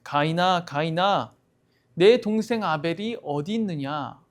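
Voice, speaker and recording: A man's voice: on the high side, unhurried, close to an everyday voice. A man voicing God as a stern, fatherly figure who rebukes and warns, in a Bible story told to children. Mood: solemn.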